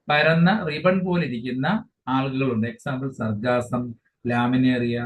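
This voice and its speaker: A man teaching an exam-focused biology lesson, explaining each English term again in his own words and often pausing mid-phrase. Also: mid-range voice. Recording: dull lo-fi sound with faint hiss.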